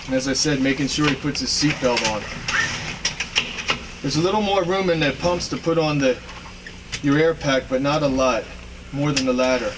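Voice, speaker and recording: A man's voice: medium pitch, normal speed, pauses often. A man working as a fire company instructor, talking through a hands-on demonstration step by step in a plain, explanatory manner. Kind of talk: spoken step-by-step training demonstration. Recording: echoey, reverberant, distant mic, noisy background.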